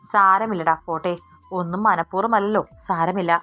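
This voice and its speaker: Worried, gentle young man read by a woman in an audiobook; soft, pleading delivery. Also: medium pitch, quick pace, soft background music, lightly acted. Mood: tender worried.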